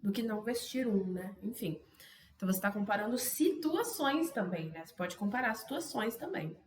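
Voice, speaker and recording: A Brazilian woman teaching an English grammar lesson, chatty and casual, often adding quick tag questions. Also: medium pitch, expressive, echoey room. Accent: Brazilian Portuguese. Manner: chatty, self-interrupting, frequent "né?" tags. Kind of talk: online language lesson.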